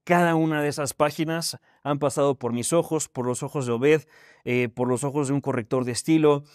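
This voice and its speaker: A man in his thirties from Mexico with a Mexican accent, giving a casual, animated talk to university students and telling his story with plenty of slang. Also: a little high, fairly quick, no echo, clean studio sound. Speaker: guest speaker.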